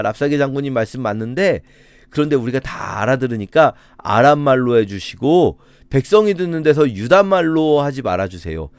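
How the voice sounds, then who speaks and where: A man's voice: medium pitch, a little mellow, smooth, no room sound, lightly acted. A man voicing timid royal officials who plead politely and deferentially during a sermon. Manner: meek, deferential. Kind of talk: sermon with acted quotes.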